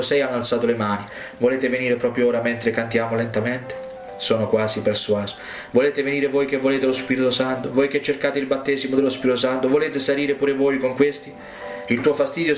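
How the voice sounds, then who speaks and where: A man's voice: medium pitch, reverberant. A man preaching a revival altar call, urging listeners with pleading exhortations.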